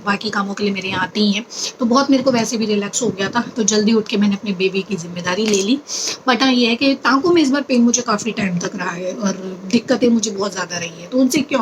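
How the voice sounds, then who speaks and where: Young woman, vlogger, chatty and earnest, slightly high-pitched, faint background hiss. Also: low-quality recording. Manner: chatty, earnest, mixes English words in. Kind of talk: casual storytelling to camera.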